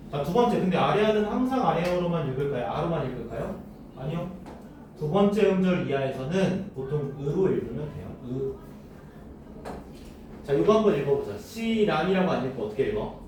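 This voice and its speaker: A man's voice: fairly high pitch, background noise. A man teaching a classroom lesson, often asking the students questions and then answering them himself. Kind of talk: classroom lecture. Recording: echoey room, voice from far off.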